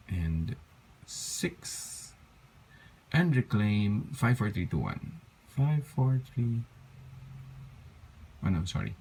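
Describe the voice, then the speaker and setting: Tired male tutor, low-pitched and unhurried, walks through steps by counting and correcting himself. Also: a little mellow, slight background noise. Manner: counts steps aloud, apologizes for slips. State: tired, yawning. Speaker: craft tutorial host. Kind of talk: step-by-step craft tutorial.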